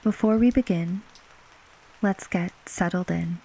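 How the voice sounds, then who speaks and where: Slow, soothing woman narrating a sleep story. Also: fairly low pitch, vocal fry, poor audio. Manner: gentle, unhurried, with long pauses between short phrases. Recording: steady rain ambience behind voice. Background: rain falling.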